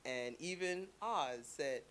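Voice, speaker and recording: A woman from Canada speaking to a church congregation, telling stories with playful asides in a lively sermon. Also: low-pitched, slow. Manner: chatty storytelling with playful asides.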